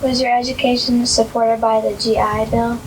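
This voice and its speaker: A woman's voice: on the high side, little pitch movement, normal speed, background noise. A woman interviewer reading out prepared questions.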